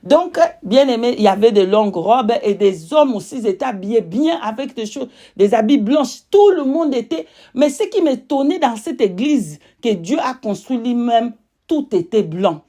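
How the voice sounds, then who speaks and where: A woman's voice: on the high side, lively intonation, dark tone. Woman testifying in foreign-accented French, emphatic and repetitive. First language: not French. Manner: emphatic, repetitive, pausing to search for words. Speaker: religious witness giving testimony.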